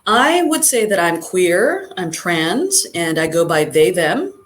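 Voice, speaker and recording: A middle-aged guest from Southern California, talking in a casual interview in a thoughtful, rambling way with many fillers. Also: female voice, lowish voice, sing-song, slow pace, slight background noise. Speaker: guest chiropractor.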